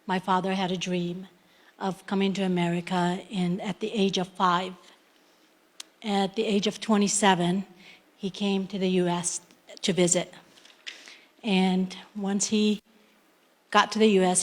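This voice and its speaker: This is a middle-aged woman from Iraq who tells her personal success story. She has a mid-pitched voice, speaks plainly and takes her time, and she often pauses on ums and starts her sentences again. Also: little pitch movement. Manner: unhurried, plain-spoken, many ums and restarts. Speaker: entrepreneur.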